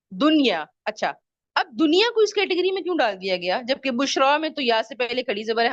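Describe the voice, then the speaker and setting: A woman teaching an online Arabic grammar class, drawing out example words slowly and often checking that her students follow. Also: a little high, fairly bright tone, no echo, lo-fi sound.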